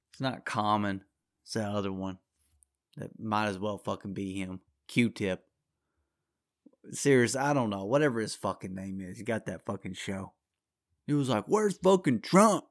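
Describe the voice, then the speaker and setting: A man's voice: on the low side, moderate pace, no echo, clean studio sound. A man hosting a podcast alone, ranting in a crude, rambling, combative way with constant swearing. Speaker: podcast host. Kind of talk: profane solo podcast rant.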